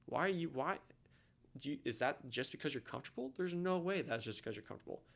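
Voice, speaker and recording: A young man talking casually as a podcast guest, opinionated, often trailing off quietly at the end of a point. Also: on the high side, expressive, fast talker, creaky.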